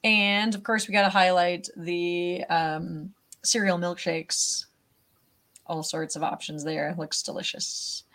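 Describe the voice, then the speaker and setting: A woman's voice: fairly low pitch, little pitch movement, takes it slowly, fairly bright tone. Chatty woman co-hosting a local roundup. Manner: chatty, listing items with fillers. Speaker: co-host of local business roundup. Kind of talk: casual chat, reading out local news.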